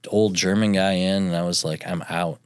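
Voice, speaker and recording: Low-voiced man telling a rambling story. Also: steady tone, a little fast, clean tone, no room sound, studio quality. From North Dakota. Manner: rambling, with frequent fillers and restarts. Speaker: chef and entrepreneur, podcast guest. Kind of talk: casual storytelling interview.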